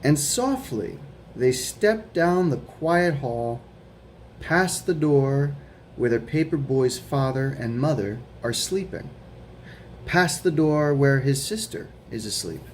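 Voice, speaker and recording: A man with an expressive, medium-pitched voice reads a picture book to kids as a guest reader, taking it slow and gentle and asking them questions along the way. Slight background noise is audible.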